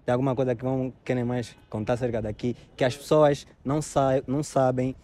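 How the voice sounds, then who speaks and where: A man's voice: mid-range voice, flat delivery, fairly quick, warm tone. A young man, hosting a casual on-location interview outdoors. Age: young adult. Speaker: vlog host interviewing locals. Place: outdoors in an abandoned high-rise and on its open roof. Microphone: handheld mic.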